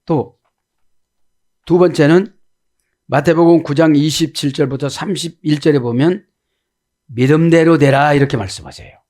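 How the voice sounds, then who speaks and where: A man's voice: normal speed, long pauses, a little mellow. A male pastor preaching an expository sermon, constantly asking his listeners rhetorical questions and acting out the quotes he reads. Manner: acts out the biblical quotes with shifts in pitch.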